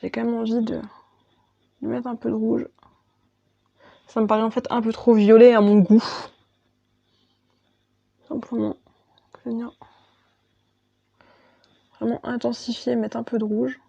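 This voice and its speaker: A woman's voice: fairly high pitch, level tone, moderate pace, vocal fry, pauses often, warm tone, no echo, muffled recording. A woman talking through her makeup step by step as a beauty vlogger, chatty and casual. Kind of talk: makeup tutorial voice-over.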